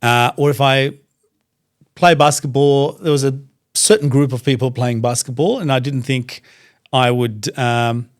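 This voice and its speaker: Relaxed Australian-accented man telling stories. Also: mid-range voice, measured pace. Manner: relaxed, anecdotal, frequent fillers. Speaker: podcast guest. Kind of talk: casual storytelling interview.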